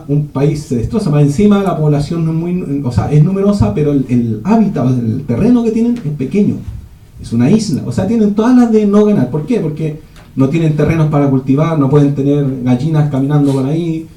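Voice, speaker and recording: A man's voice: a little high, animated, brisk, dark tone. A man giving a rambling teaching talk at a men's church retreat, often restarting his sentences. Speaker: retreat speaker. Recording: echoey room.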